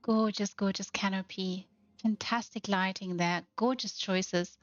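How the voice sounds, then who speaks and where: A woman guides listeners through a game house, heaping lavish praise on everything in a slow, deliberate way. Now and then she slips into playful baby-talk. Her voice is dry and a little dull, with faint music behind it. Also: medium pitch, steady tone, dry recording. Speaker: host of a game house tour. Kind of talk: casual tour commentary.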